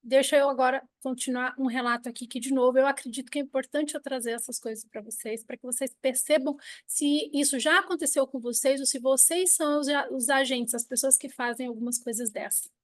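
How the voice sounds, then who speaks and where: A Brazilian woman in her forties with a Brazilian Portuguese accent, teaching a live online lesson with personal stories and an animated, talkative manner. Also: high-pitched, a little fast, few pauses, dry recording, studio quality. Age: 40s. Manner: animated, talkative, frequent restarts and laughs.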